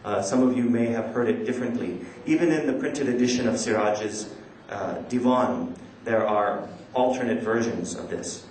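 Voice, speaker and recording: The speaker is a man with a fairly low pitch and a darkish tone, lecturing at a conference in a measured, somewhat hesitant, self-deprecating way. His paper weaves in poetry recitation and quotes Urdu, not his native tongue. The audio carries echo from the large indoor hall plus background noise.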